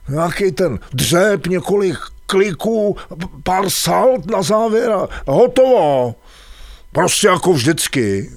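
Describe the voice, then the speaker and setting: A man's voice: high voice, big pitch swings. A man voicing a boastful, whiny male dung beetle husband in an audio fairy tale. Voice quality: complaining, bragging.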